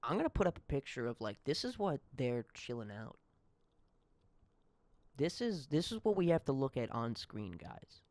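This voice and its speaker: A man's voice: mid-range voice, sing-song, normal speed, a little mellow, no echo. A young man hosting a solo podcast, ranting in a rambling, profane, heated way. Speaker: podcast host. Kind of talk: solo comedic podcast rant.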